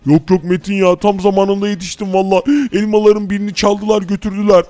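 A man's voice: sits high, level tone, fairly quick, a little mellow, dry recording, close to an everyday voice. A man voicing a frightened male market vendor who pleads with the hero for help. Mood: grateful. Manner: pleading, grateful.

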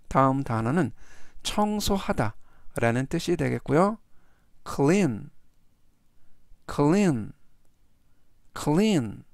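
A man's voice: mid-range voice, clear, resonant tone, no room sound, clean studio sound. A man teaching vocabulary in a patient, methodical way, saying each word three times and then explaining its meaning and use. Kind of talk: slow, methodical vocabulary lesson.

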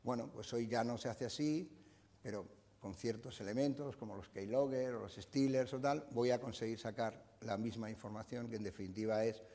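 A man's voice: mid-range voice, steady tone, moderate pace, gravelly, warm tone, in a large hall. An older man giving a conference lecture in a university room, explaining at length with frequent "eh" fillers and restarts. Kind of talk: conference talk.

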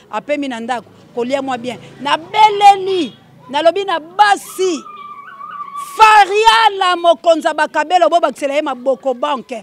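A man presenting on air, excitedly calling out dedications and thanks, with sudden shouted bursts. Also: very high-pitched. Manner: animated, calls out names with bursts of shouting. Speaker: presenter giving shout-outs.

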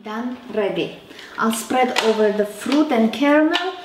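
A woman in her thirties with an Armenian accent, hosting a casual cooking demonstration in chatty, self-correcting, halting English. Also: a little high, lively intonation, noisy background. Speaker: cooking show host. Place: roomy home kitchen, indoors. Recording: echoey kitchen with background music.

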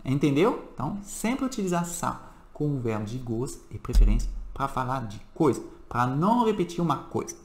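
Lively man teaching in an echoey room. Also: medium pitch, normal speed, a little hiss or hum. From France. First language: French. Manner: animated, emphatic teacher's delivery. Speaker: French teacher. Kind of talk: language lesson.

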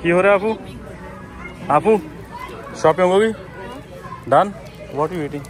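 A man with a slightly raised pitch talks to his viewers while he walks through a large indoor mall. He speaks in a chatty, joking way into a handheld phone. Music plays clearly behind him. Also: takes it slowly, a faint crowd, poor audio. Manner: chatty, teasing, addresses viewers. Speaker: vlogger. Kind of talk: casual vlog chat.

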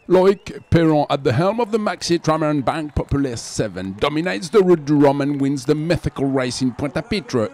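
French-accented male presenter, measured dramatic news read. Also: medium pitch, darkish tone. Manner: measured, dramatic voice-over delivery. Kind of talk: scripted sports news narration.

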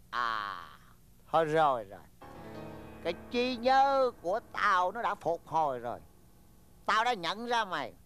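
An older man with a Southern Vietnamese accent playing a boastful, stubborn village father in a comedy film, exclaiming loudly. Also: fairly high pitch, takes it slowly, pauses often, soft background music, full character voice. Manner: blustery, exclaims loudly, lively swings. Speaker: film actor.

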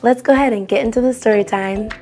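A young adult woman with a warm voice on the high side talks fast, faint music behind her. As a story time host for kids, she presents a read-along that is upbeat and exclamatory, encouraging her young audience and talking to them directly.

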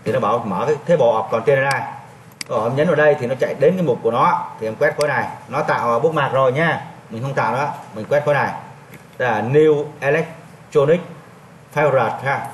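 A man's voice: medium pitch, racing, slight background noise. Man teaching in an echoey classroom. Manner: repetitive, talks while clicking through steps. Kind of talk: classroom software lesson. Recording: echoey classroom, mic at a distance.

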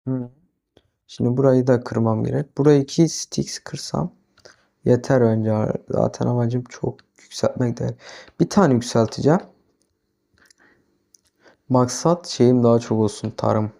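A young man commenting on his own gameplay in a mellow, dark-toned voice at a middling pitch. He mutters to himself as he works and often bursts into exasperated scolding. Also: unhurried, vocal fry, long pauses. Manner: talks to himself, flares into exasperated yelling at the animals. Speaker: gaming YouTuber. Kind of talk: casual Minecraft let's-play commentary.

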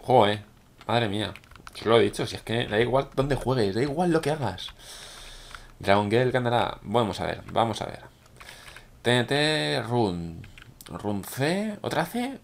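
A man from with a hoarse voice, chatting excitedly to viewers while commentating his own gameplay. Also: medium pitch, a little slow, a little hiss or hum. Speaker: gaming YouTuber.

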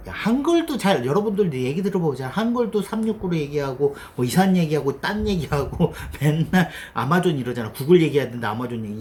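Middle-aged man, lively pitch, blunt teasing mentor type, faint background hum. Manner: blunt, teasing, swears casually; voices his past self and others in quoted asides. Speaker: developer giving career advice. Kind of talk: casual lecture.

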